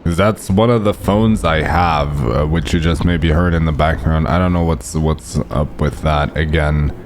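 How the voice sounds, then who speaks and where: A man with a rough morning voice giving halting, unsure commentary while he plays a game. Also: very deep voice, fairly even intonation, slight background noise. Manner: halting, unsure, lots of fillers. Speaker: gamer.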